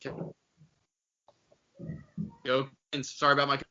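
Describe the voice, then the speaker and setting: Man, podcast host, glitching cutting-out audio, muffled lo-fi laptop call, halting phrases. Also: mid-range voice, monotone, pushed and bright, a little hiss or hum. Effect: glitchy audio, cutting out mid-sentence over a bad connection. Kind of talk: casual chat. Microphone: laptop on a video call. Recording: dull lo-fi online call audio.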